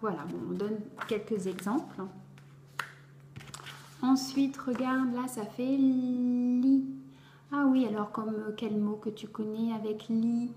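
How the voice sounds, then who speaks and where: A woman tutor explaining how to teach a child to read syllables, sounding each one out slowly and clearly and praising often. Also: a little high, fairly even intonation, mellow. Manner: slow, carefully articulated syllables, encouraging. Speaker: reading tutor for young children. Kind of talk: instructional video explaining phonics. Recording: roomy echo.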